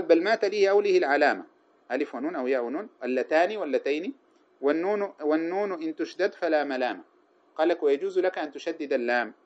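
A man's voice: mid-range voice, darkish tone, lo-fi sound. A man teaching a classical grammar text, explaining in a classroom manner, reciting verse and Quran lines and often posing questions to answer himself. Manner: asks rhetorical questions and answers them himself.

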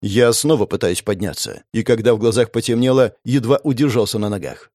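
A man's voice: fairly low pitch, fairly quick, a little mellow, no echo, studio quality. Gritty male audiobook narrator. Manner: intense, gritty storytelling. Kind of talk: dramatic scripted narration.

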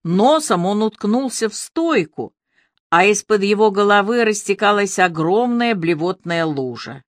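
A woman narrating a novel as an audiobook, in an expressive storytelling manner. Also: medium pitch, measured pace, no echo, studio quality.

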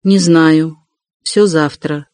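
A man's voice: fairly high pitch, fairly even intonation, drawn-out words, a little mellow, no room sound. Man reading a brooding, curt young man. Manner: curt, clipped questions. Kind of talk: audiobook reading.

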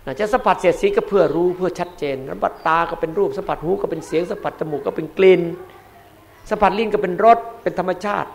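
A man, a Buddhist monk, giving a dharma sermon in an emphatic way, repeating key words and swinging between loud and soft. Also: sits high, fast, vocal fry.

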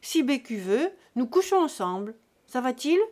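Brief: female narrator doing a loud, jovial drunken country lout in an audiobook, pushed up higher and louder. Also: big pitch swings, moderate pace. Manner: loud, rowdy, jovial bellowing. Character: boisterous drunken middle-aged peasant man, crude joker.

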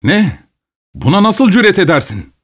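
A man voicing a hot-tempered Polish estate steward who scolds and shouts. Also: fairly high pitch, unhurried, pitched above the performer's own voice. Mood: furious.

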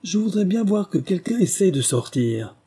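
Brief: a man doing a swaggering, shouting fake prince, raised pitch, husky and dark, storybook villain. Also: very animated, moderate pace, heavily acted. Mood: boastful. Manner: loud, sneering and threatening. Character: arrogant brutal man posing as a prince.

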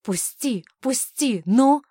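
A woman voicing a young heroine under magical compulsion, shouting desperately. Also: high voice, animated, takes it slowly, husky, dry recording, studio quality, pitched above the performer's own voice, exaggerated voice. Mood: frantic.

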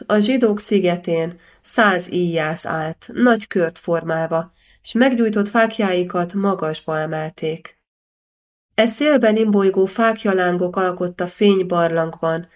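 Woman narrating a historical novel. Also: fairly low pitch. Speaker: audiobook narrator. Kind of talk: scripted narration.

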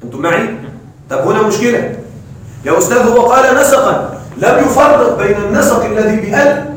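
A male grammar teacher giving a classroom lecture, quizzing his students and reciting verses slowly. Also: sits high, animated, slight background noise. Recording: echoey room from a distance.

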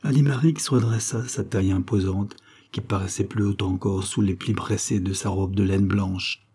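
Low, husky male audiobook narrator. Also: steady tone, moderate pace, dark tone.

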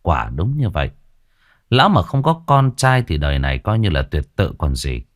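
A man with a very deep voice narrates a ghost story. His delivery swings up and down, expressive and full of storytelling cadence. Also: moderate pace.

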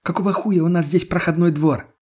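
A crude, ruthless young woman who snaps and schemes, as a male narrator puts her on. The voice sits higher than a plain male voice and has a husky edge. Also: steady tone, fairly quick, a little mellow. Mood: snapping.

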